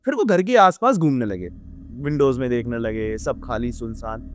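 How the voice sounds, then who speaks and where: A man's voice: lively intonation, normal speed. A young man narrating a horror story in dramatic Hindi, acting out the characters' lines with his voice swinging up and down and sprinkling English words into his speech. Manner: acts out characters' lines with rising and dropping pitch. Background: faint background music.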